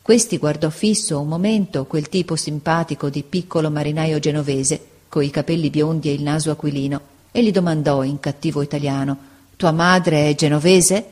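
A woman reading a classic story aloud, with measured, expressive storytelling. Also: deep voice. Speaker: narrator. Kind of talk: scripted narration of a classic tale.

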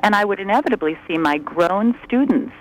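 A woman's voice: mid-range voice, animated, brisk, a little hiss or hum, poor audio. Older woman calling in over the phone. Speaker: caller. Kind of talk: casual call-in chat.

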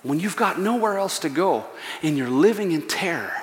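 A man preaching a sermon as senior pastor, swinging from hushed tones to loud, fervent calls and dropping in joking asides with a chuckle. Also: a little high, expressive, moderate pace, slight background noise. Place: church sanctuary. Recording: echoey church hall.

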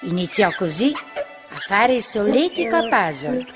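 A woman narrating a children's storybook in a slow, expressive reading voice. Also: mid-range voice. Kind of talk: children's story read-aloud. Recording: music bed under the voice.

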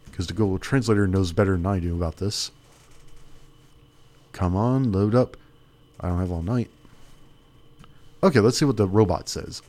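Low-voiced man hosting a radio show. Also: darkish tone. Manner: rambling, unscripted, thinking aloud. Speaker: radio host. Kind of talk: casual radio show chat.

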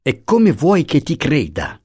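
A man's voice: mid-range voice, big pitch swings, slow pace, a little mellow, slightly rough, no room sound, clean studio sound, exaggerated voice. A man voicing an angry, suspicious young husband who speaks curtly and harshly. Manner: curt and harsh.

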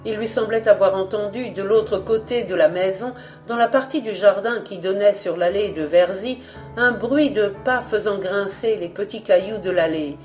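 Expressive female audiobook narrator. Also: medium pitch, normal speed, soft background music. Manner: expressive, dramatic reading. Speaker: audiobook reader. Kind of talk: scripted narration.

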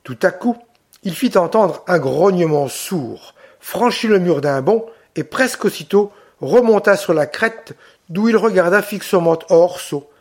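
A man narrating a classic novel in a measured, deliberate way. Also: high voice, a little mellow, breathy edge. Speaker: audiobook reader. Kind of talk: literary audiobook narration.

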